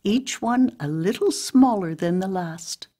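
A woman reading a storybook tale aloud in a gentle, measured way. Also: mid-range voice, lively intonation. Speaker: narrator.

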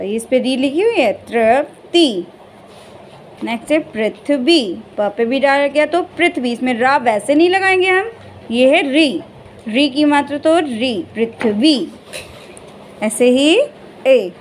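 A woman school teacher giving a Hindi lesson to young children, patiently sounding out letters and syllables slowly. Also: high voice, a little hiss or hum.

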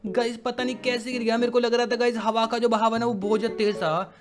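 A man doing excitable, slangy gameplay commentary and keeps calling out to viewers as guys. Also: very high-pitched, fast. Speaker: gaming YouTuber.

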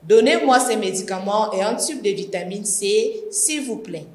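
A woman's voice: medium pitch, expressive, moderate pace, darkish tone, close to an everyday voice. A woman with a Cameroonian French accent voicing a jovial, confident well-dressed man. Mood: affable. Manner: affable, confident. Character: jovial well-dressed African man, self-assured engineer. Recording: echoey room.

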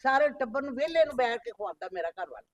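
A woman's voice: sits high, expressive, fast, distant mic. A middle-aged woman playing a scheming mother who scolds and nags her married daughter in a scripted family skit. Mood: coaxing. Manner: nagging, scolding. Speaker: mother on the phone.

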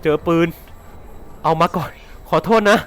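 A man commentating his game playthrough in an excitable way, swearing and laughing as he plays. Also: a little slow. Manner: excitable, swears and shouts often; laughs a lot. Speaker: gaming YouTuber.

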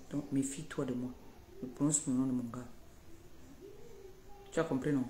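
On a live stream, a woman rants at her followers, confrontational and threatening, repeating her warnings again and again. Her voice is a dark-toned bass. The room echoes, and there is faint background noise.

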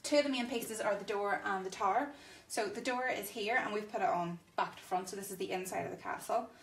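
A woman demonstrates wooden toys in a toy shop, chatting casually in an enthusiastic, upbeat way and laughing often. Her medium-pitched voice is creaky and fairly quick, with a little hiss or hum in the recording.

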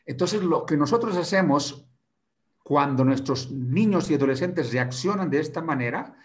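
A man giving a pastoral talk on family life, asking rhetorical questions and tagging sentences with a quick question. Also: on the high side, expressive. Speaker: family ministry speaker.

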